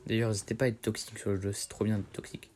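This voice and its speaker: A man's voice: fairly low pitch, little pitch movement, very fast, darkish tone, slight background noise. A teenage boy chatting casually over his gameplay, rambling in slang and correcting himself as he goes. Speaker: gaming streamer.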